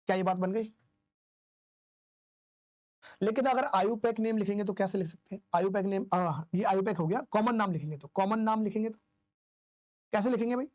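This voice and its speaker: A man's voice: high-pitched, a little mellow, no echo. Hindi-speaking male chemistry teacher, dry sound. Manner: asks questions and answers them himself, counts aloud. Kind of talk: classroom lecture explaining isomer naming.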